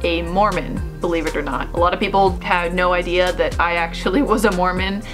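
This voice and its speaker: A woman's voice: on the low side, fairly even intonation, a little fast. Casual young woman vlogger over music. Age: young adult. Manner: informal, self-deprecating, loose slangy phrasing. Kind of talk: casual chat to viewers.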